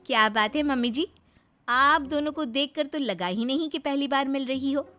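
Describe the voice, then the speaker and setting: A woman voicing a chatty, teasing woman in a Hindi family cartoon story, with expressive delivery. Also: high-pitched, normal speed.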